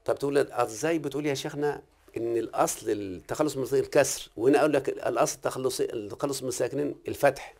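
A man with an Egyptian Arabic accent talks quickly through a grammar lesson, pressing his student with questions. His voice sits at an ordinary middle pitch. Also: a little mellow. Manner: questioning, repeatedly checks the student understands. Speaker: Quran recitation teacher. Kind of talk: one-on-one grammar and recitation lesson.

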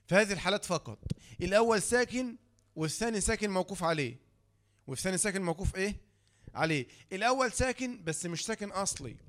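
Man, Egyptian accent, high-pitched voice, tajweed teacher, asks and answers his own questions, spells words slowly. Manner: asks rhetorical questions and answers them himself. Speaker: Quran recitation teacher. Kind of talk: tajweed lesson explaining rules from a book.

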